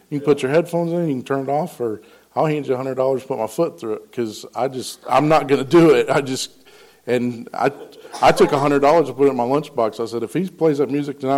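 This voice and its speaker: Guy rambling earnestly about faith, lots of ums, average pitch. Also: darkish tone. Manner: acts out quoted dialogue in a raised voice. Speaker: lay speaker sharing a devotional. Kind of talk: casual personal testimony.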